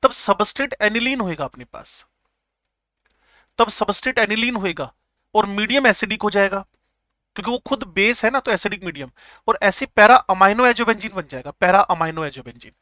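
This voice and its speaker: Male chemistry teacher, joking lecture style, repeats terms slowly, high bright voice, dry sound. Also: lively intonation, dry recording. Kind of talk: classroom lecture.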